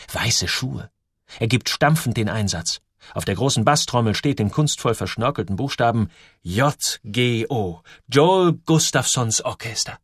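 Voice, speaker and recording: Expressive man reading a story, gravelly. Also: lowish voice, no room sound, studio quality. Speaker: narrator. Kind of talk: audiobook narration.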